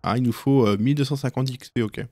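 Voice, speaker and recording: A man's voice: mid-range voice, fast, mellow, no echo. A man hosting a gaming video, commenting casually and thinking aloud as he plays. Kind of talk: casual let's play commentary.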